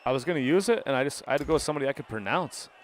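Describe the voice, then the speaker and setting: A man's voice: medium pitch, lively intonation, racing, a little hiss or hum. Rambling American guy streaming a game. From United States. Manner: rambling storyteller, swears, laughs. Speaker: gaming streamer. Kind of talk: casual chat while playing.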